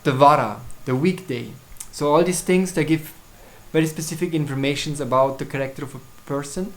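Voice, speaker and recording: In a casual video on his own, a Swiss man whose mother tongue is German describes his astrology offerings in English. He pauses a lot, restarting and filling gaps, and his voice sits a little high.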